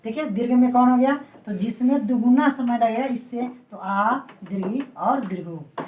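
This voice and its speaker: A woman gives an exam-prep grammar lecture in a somewhat high voice. She repeats key points and keeps checking that her students follow. She is recorded from a distance in a roomy, echoing space. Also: moderate pace, a little mellow. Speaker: Hindi grammar teacher. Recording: roomy echo, voice away from the mic.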